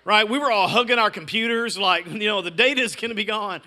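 A man's voice: sits high, fast, sharp tone. A middle-aged man preaching a sermon as pastor, emphatic and repeating key words. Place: church sanctuary.

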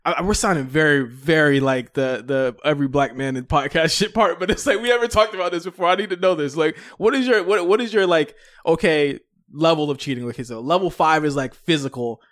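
Teasing, quick-laughing man on a podcast. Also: fairly high pitch, fairly bright tone. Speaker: podcast host. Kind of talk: casual podcast chat.

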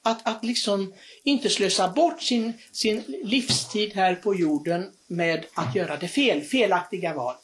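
Earnest, halting religious storyteller. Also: mid-range voice. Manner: earnest, animated retelling with many restarts and hesitations.

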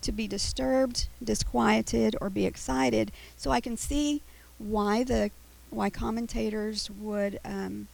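A woman teacher delivers a Bible lesson in a voice full of vocal fry. Her s sounds whistle noticeably, and she works through each point haltingly, often repeating a word before moving on. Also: medium pitch, low-quality recording.

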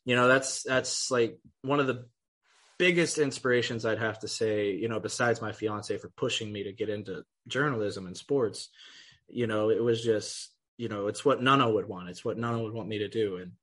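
Man, casual sports podcast host, relaxed and chatty, swears a lot, laughs often. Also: on the low side, moderate pace.

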